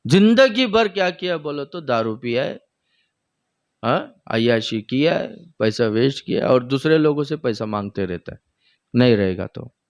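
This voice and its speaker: A man's voice: very animated, normal speed. A male pastor from India preaching a sermon, retelling stories with quoted dialogue and breaking into exclamations of praise. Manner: preaching with sudden rises in pitch and frequent praise exclamations.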